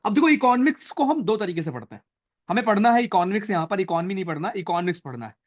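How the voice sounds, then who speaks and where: A man's voice: high voice, expressive, fast talker. A young man teaching a live online class, chatty and teasing, mixing English terms into his talk. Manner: chatty, teasing, addresses students as brothers and friends; mixes Hindi with English terms. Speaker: online exam-prep teacher.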